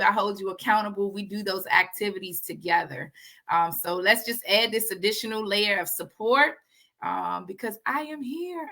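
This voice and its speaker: A woman's voice: mid-range voice, pushed and bright. A woman author speaking on a video call, talking earnestly and conversationally to her readers with faith-filled encouragement. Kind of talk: casual spoken address to an audience.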